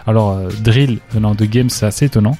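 Man, co-host, middle pitch, rapid and chatty, filler-heavy, faint music under. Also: dark tone. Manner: quick, chatty, many "euh" fillers, opinionated. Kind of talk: casual chat about rap news.

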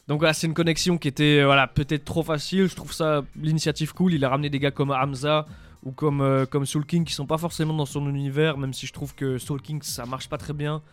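A man giving his take on a rap album in a casual panel chat, halting with many restarts and fillers. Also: on the high side, little pitch movement, faint music behind. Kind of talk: casual studio debate.

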